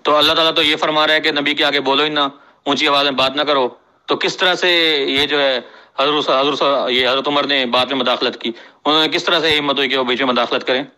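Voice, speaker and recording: A man's voice: a little high, steady tone, pushed and bright, low-quality recording. A man recording a debate message, insistent and challenging, repeating his demands.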